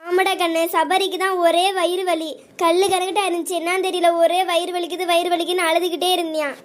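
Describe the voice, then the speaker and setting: Cartoon grandmother, voiced by a woman, gentle, affectionate, soothing, very high voice, rapid talk. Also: level tone.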